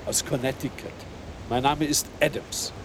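An actor playing a talkative, over-friendly American tourist in a radio play. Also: male voice, medium pitch, fairly even intonation, normal speed, background noise, natural voice. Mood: jovial. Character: chatty middle-aged American tourist man.

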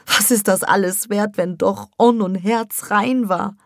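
A woman reading an audiobook, voicing a distraught middle-aged mother who pleads in a high, strained voice. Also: unhurried, dry recording, clean studio sound, lightly acted. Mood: upset, pleading.

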